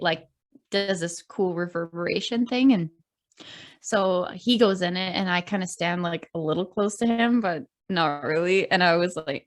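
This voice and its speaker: A young woman from Canada telling a story in casual chat, animated, acting out what people said and laughing often. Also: on the low side. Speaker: podcast guest.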